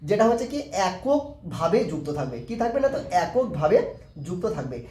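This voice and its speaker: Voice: mid-range voice, big pitch swings, fairly quick, a little mellow, reverberant, a little hiss or hum. A teacher giving a grammar lesson, often asking a question and answering it, repeating the key words.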